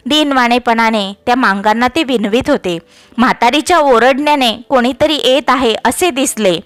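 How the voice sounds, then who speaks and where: A woman narrating a classic story in an expressive, measured reading. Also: fairly high pitch, no room sound.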